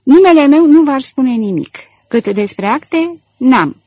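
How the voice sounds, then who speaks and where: A woman doing a bright young male student, unflappable and politely teasing, talking in a raised, husky, lively voice. He is courteous and quietly amused. The sound is dry and close. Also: high voice, dry recording, voice pushed up. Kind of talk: audiobook character voicing.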